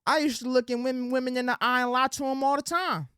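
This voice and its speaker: He speaks fast in an extremely high pitch, holding a steady tone, and the sound is clean, dry and close with no room noise. As a political commentary host talking to camera, he preaches in street slang and greets ladies and gentlemen, softening into sweet talk whenever he acts out a quote.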